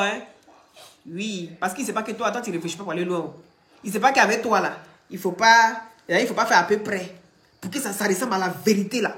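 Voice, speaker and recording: A woman with a head cold, ranting loudly on a live stream, teasing and scolding. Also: on the high side, reverberant. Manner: talks loudly, teasing and scolding, often laughing. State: head cold, blocked ears. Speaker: live streamer and gossip commentator. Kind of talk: casual live-stream rant.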